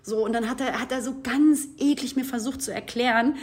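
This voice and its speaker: Animated woman telling a story. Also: a little high, a little fast. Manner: animated storytelling, acts out quotes, laughs often. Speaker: podcast co-host. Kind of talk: casual chat.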